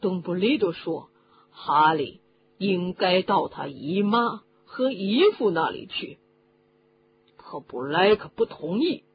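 Woman doing big loud emotional gamekeeper guy, storybook reading, slow, lo-fi with faint hum. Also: fairly low pitch. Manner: loud, heated, choking up. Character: huge gruff male gamekeeper, emotional and loud. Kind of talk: audiobook reading. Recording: dull lo-fi recording with faint hum.

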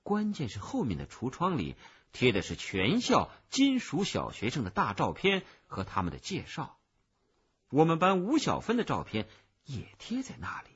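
A man narrating a children's story aloud in an animated, expressive way, on a muffled lo-fi recording. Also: moderate pace, slightly rough. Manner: animated, expressive storytelling with big pitch swings.

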